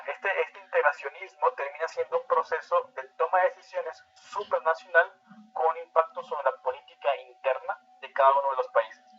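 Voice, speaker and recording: A muffled man instructs a political training class, giving an informal lecture on political integration. His high-leaning voice is bright and forceful, but his delivery is hesitant and repetitive, often restating phrases and checking that students understand.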